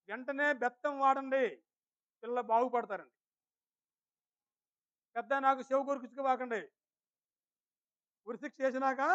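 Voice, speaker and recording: A man preaching a Sunday sermon in a church, calling on members by name and asking them questions, slowing down when he reads scripture. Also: extremely high pitch, fairly bright tone. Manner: questions the congregation and calls on people by name; slow and emphatic when reading scripture. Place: church service. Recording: dull lo-fi sermon recording.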